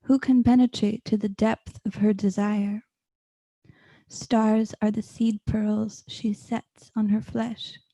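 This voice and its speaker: A woman reciting poetry in a solemn, deliberate manner, as at a reading. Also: fairly high pitch, creaky, dark tone, dry recording. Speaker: poetry reader.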